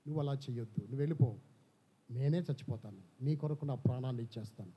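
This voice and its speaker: A man's voice: mid-range voice, quick pace, mellow, breathy edge, pitched below the performer's own voice, close to an everyday voice. A man preaching, voicing an apostle who answers urgently and emphatically. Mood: devoted. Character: the apostle, fearful then devoted. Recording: slightly dull church recording.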